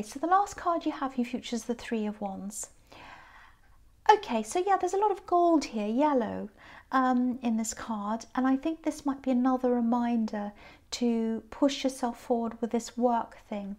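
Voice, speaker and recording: A tired woman with a croaky voice, giving a casual tarot card reading in a gentle, reflective way. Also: high voice. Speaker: tarot reader.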